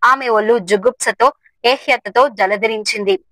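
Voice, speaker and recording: Woman story narrator; steady, expressive scripted reading, fairly high and bright. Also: moderate pace, no room sound, poor audio.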